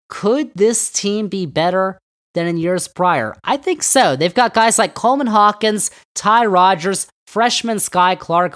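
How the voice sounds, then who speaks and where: A man's voice: high-pitched, fairly bright tone. A man hosting a solo sports podcast, talking sarcastically and throwing rhetorical questions at his listeners. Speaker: podcast host.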